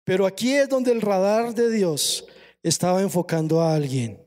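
Guy preaching a sermon, super high voice, emphatic, keeps asking the church questions. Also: darkish tone. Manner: emphatic, slows down for scripture, asks the congregation questions. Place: church service.

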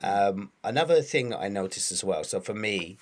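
A man from the south of England with a low voice and a southern English accent. He pronounces th as f or v and drops his t into glottal stops. He talks in a casual, explanatory way, like a teacher on a podcast. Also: animated, moderate pace. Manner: th-fronting, says th as f or v. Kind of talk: casual educational chat.

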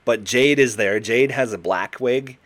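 A man's voice: medium pitch, measured pace, a bit bright, no room sound. A man co-hosting a film podcast in casual chat, rambling and correcting himself, laughing often. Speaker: podcast co-host.

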